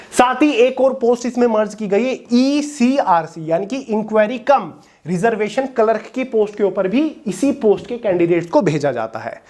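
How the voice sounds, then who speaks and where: A woman's voice: mid-range voice, warm tone. Woman explaining exam updates to students. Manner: direct, checks in with listeners often. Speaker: exam coaching educator. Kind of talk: explanatory talk to exam aspirants.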